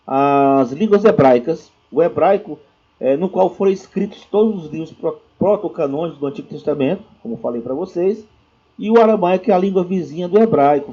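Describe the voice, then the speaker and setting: A man's voice: a little high, mellow, breathy edge. A man teaching a lecture class, explaining step by step with frequent restarts and checking questions. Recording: dull lo-fi recording.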